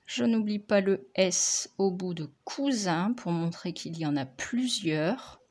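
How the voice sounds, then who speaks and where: A woman teacher, slowly dictating and correcting spelling words for young pupils, articulating each word carefully. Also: on the low side, a little mellow. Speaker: primary school teacher.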